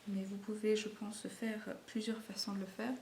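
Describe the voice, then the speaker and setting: A woman's voice: mid-range voice, little pitch movement, normal speed, creaky, darkish tone. A woman sewing vlogger with an accent, chatting casually about garments she made, full of fillers and restarts. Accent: non-native French accent. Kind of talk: casual chat showing garments. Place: indoor room at home, filming late in the day. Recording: echoey room with faint noise.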